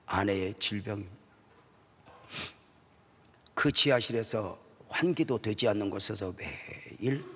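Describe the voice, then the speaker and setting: A middle-aged male pastor with a low, husky voice delivers a sermon with strong emotion, dropping to a hush and then climbing into emphatic peaks. His words ring out with a long tail of reverb, as if they were recorded in a large church hall. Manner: emotional storytelling, swinging from hushed to rising emphatic delivery.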